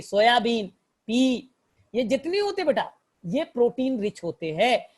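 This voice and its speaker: A male teacher tells a story to help students remember plant examples, fondly calling them "child" and checking often that they follow. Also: very high-pitched. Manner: fond, addresses students as child; repetitive, checks understanding. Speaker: biology teacher. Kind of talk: mnemonic storytelling lesson.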